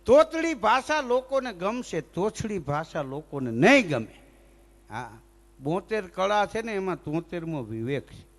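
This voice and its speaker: A man spins comic folk tales in a high, gravelly voice. He slips into stammering and sung impressions of his characters. The sound carries a long hall reverb. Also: unhurried. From Gujarat, India. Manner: animated, mimics characters with stammers and singing. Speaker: folk storyteller and humorist.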